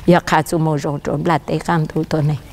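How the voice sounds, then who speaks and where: A male pastor preaching a sermon outdoors by a riverside, his voice often jumping higher and louder for emphasis. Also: level tone, quick pace.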